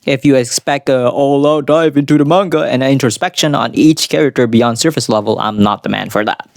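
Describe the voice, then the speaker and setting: An anime reviewer with a medium-pitched, gravelly voice talks a little fast in studio quality with no room sound, while background music plays under him. His video essay commentary is casual, opinionated, informal and sweary, with dramatic asides.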